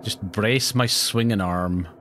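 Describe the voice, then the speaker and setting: A man streaming a horror game, talking to his viewers as he plays, jumpy and quick to swear. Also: fairly low pitch, fairly bright tone, a little hiss or hum. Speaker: let's play streamer. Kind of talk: live gameplay commentary.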